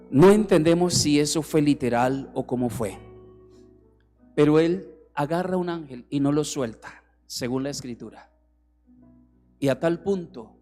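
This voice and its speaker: A man preaching a sermon as a pastor. He acts out the figures he quotes and swings between strong calls and soft, hushed passages. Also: a little high. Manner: preaching with acted quotes, rising and dropping to soft tones. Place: church hall. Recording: reverberant hall with music.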